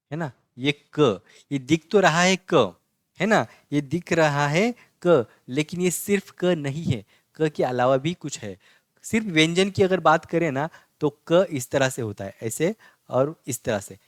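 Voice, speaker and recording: A man's voice: fairly high pitch, no echo, clean studio sound. A man teaching a basic Marathi lesson who repeats "isn't it?" and answers his own questions. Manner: patient, repetitive, keeps asking "है ना?" and answering his own questions; spells out each letter slowly and distinctly. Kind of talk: online language lesson, explaining letters on a board.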